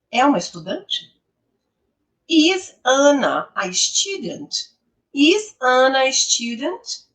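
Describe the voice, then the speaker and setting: A woman teaching English grammar, explaining slowly and repeating each example sentence with emphasis. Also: high voice, fairly bright tone, recorded from a distance.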